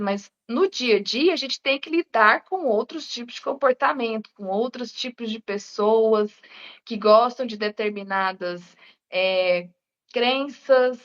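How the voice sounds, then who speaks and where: A woman who works as an integrative therapist chats casually during a live stream, her voice on the high side and fairly bright. She speaks reflectively, frequently tagging sentences with "né?". The audio is dull and lo-fi.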